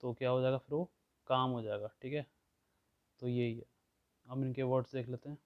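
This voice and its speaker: Guy explaining vocab words, mid pitch, keeps checking in, kinda muffled audio. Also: steady tone, a little fast. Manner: explains words with everyday examples, often checks in with listeners. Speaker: vocabulary teacher. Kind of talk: explanatory lesson.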